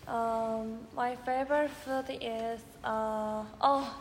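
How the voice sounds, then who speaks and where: Young woman, highish voice, slow halting english, faint noise behind. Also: steady tone. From Korea. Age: young adult. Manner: simple halting English, many yeahs. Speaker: podcast co-host. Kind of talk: casual chat. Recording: reverberant room, faint noise.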